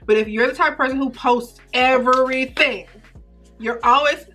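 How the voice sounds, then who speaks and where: A young woman in casual girl-talk, speaking in an animated, emphatic, slangy way. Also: sits high, normal speed, soft background music.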